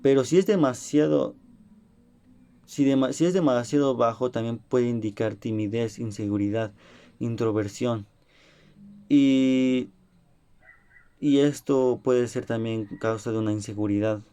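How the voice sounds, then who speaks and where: A man's voice: medium pitch, unhurried, pauses often, dark tone, clear, resonant tone. A young man giving a class presentation, explaining points and acting out short examples. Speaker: student presenter.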